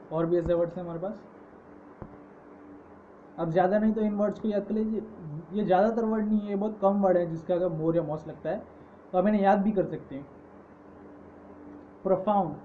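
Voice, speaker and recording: A man teaching English grammar in an online lecture, patiently listing word forms. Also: sits high. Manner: slow, patient, repeating word forms in lists. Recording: tinny phone-like audio with faint hiss.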